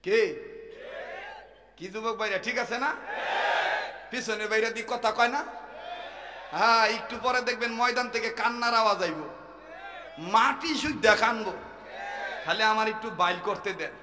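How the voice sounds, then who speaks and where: A man preaching a comic sermon at an open-air gathering. He chants long rhythmic lists, shouts call-and-response lines to the crowd, and drops into quick joking asides. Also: sits high, fairly even intonation, noisy background. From Shariatpur, Bangladesh. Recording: echoey loudspeaker sound with long reverb, faint crowd.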